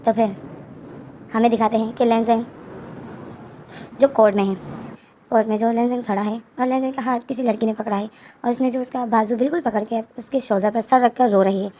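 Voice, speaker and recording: A woman's voice: a little high, dark tone. Chatty woman retelling a fan story. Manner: chatty, enthusiastic asides to viewers. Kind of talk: casual fan-fiction retelling.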